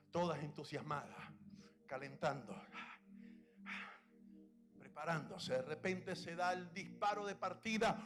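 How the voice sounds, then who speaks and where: A male pastor preaching a sermon at a church conference, impassioned and rising to shouts. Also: a little high.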